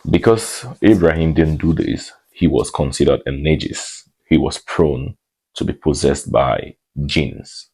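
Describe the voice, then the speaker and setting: Deep, gravelly storytime narrator man. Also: a little mellow, poor audio. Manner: laid-back, joking asides between eerie retelling.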